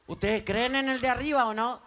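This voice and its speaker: A man's voice: very high-pitched, fairly even intonation, brisk, fairly bright tone, muffled recording. A man with an Argentine accent doing crude, teasing stand-up on an outdoor festival stage, laughing at his own jokes. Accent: Argentine Spanish. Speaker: stand-up comedian. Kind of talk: live stand-up joke telling.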